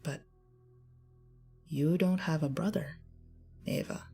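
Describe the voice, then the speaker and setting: A woman narrator puts on a nasal, scruffy young man who is casual and nosy. He talks in a low, offhand drawl, with faint music behind him. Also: slow, gravelly, dark tone, full character voice. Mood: menacing. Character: scruffy young adult male entity.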